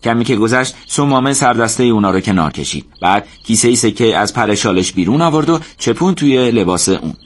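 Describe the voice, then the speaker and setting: A man narrating a story in a steady, measured way. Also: medium pitch.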